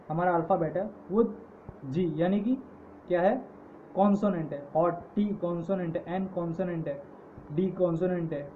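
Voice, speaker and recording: A man teaching English grammar in an online lecture, patiently listing word forms. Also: high voice. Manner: slow, patient, repeating word forms in lists. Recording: tinny phone-like audio with faint hiss.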